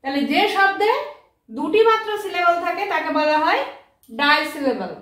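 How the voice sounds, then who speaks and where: A woman teaching a grammar lesson, speaking slowly and spelling out words letter by letter. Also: extremely high pitch, very animated, a bit bright. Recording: very echoey room, mic far off.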